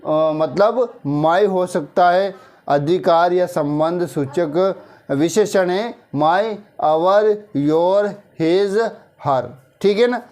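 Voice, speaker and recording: Hindi-accented guy teaching english grammar real slow, kinda high voice, keeps asking "theek hai na". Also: darkish tone. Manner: slow explaining, drawn-out example sentences, frequent "theek hai na" checks. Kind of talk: classroom-style grammar lesson.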